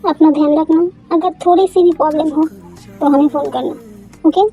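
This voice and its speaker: A woman's voice: high voice, steady tone, brisk, dark tone, faint music behind, low-quality recording. A woman reading a fan-made love story aloud and voicing every character's bickering dialogue herself.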